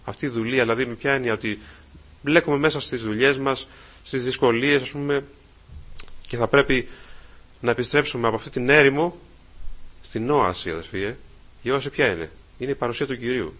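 Preaching a sermon to his congregation, a man with a medium-pitched voice repeatedly calls them brothers, takes long pauses, and swells louder on key phrases.

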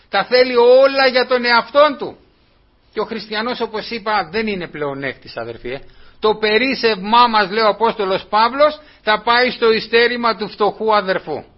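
A man preaching a sermon in an earnest, repetitive way, often calling his listeners brothers. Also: extremely high pitch. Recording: dull lo-fi recording.

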